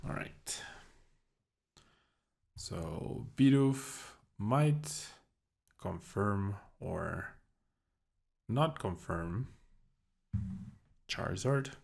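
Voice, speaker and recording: Low, gravelly man narrating a card game. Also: lively intonation, drawn-out words, pauses often, a little mellow. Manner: low-key, dryly sarcastic, thinking aloud. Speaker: gameplay commentator. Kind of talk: casual gameplay commentary.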